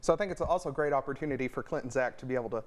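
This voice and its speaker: A man's voice: medium pitch, racing. Easygoing male news anchor. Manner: joking, easygoing. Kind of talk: morning news and casual co-host chat. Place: local TV news studio.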